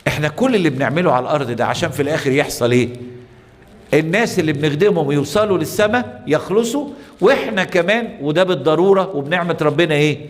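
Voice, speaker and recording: A man's voice: a little high, racing, big-room sound. A man with an Egyptian Arabic accent, a priest preaching a sermon, telling stories and putting rhetorical questions to the congregation.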